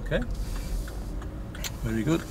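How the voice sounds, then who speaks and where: A man working as a driving instructor, calmly coaching step by step with encouragement and prompting questions. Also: measured pace. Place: inside a moving car on the road. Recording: loud car and road noise.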